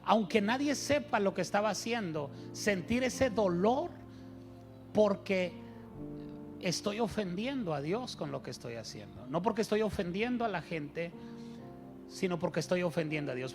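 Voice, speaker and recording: A man's voice: sits high, big pitch swings, normal speed, over music. A man preaching a sermon as pastor, telling stories and asking his congregation rhetorical questions.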